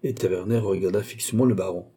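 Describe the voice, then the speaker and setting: Man, audiobook narrator, very dark voice, husky, measured literary reading. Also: deep voice. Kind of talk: scripted narration.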